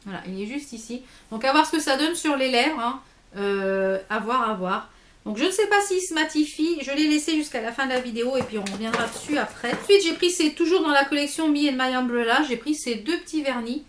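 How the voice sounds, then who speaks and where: Lady rambling through a makeup haul, highish voice, lots of euhs, roomy echo. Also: expressive, a little fast, slight background noise. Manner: chatty, many fillers and restarts. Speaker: beauty vlogger. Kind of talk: casual haul video chat.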